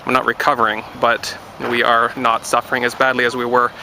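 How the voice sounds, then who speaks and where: A man speaks in a casual vlog, rambling and wry as he talks straight to the camera. His voice is bright and forward at a middling pitch. Faint street noise sits behind him outdoors. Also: completely flat delivery, a little fast, rough recording. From Canada. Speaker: vlogger. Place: outdoors near a road construction site.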